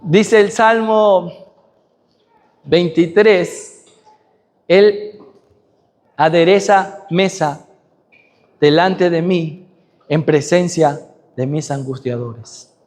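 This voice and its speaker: A man preaching a sermon who asks his congregation rhetorical questions and swings from loud high peaks to soft low endings. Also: extremely slow, pauses often. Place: church sanctuary. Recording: long reverb of a church hall.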